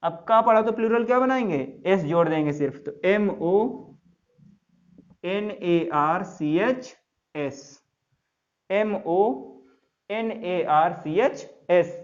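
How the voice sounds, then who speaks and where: Slow-spoken Indian man teaching English. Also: high-pitched. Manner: spells words letter by letter and quizzes students. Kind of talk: classroom lesson. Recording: dull lo-fi sound.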